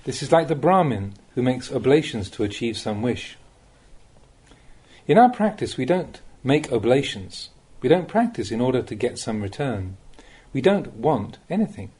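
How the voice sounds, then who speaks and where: Reading translated teachings aloud from a recorded Dhamma talk, a man with a soft, darkly toned, faintly husky voice speaks plainly and at a measured pace, as a monk teaching students would. Key phrases get emphasis through big swings in pitch.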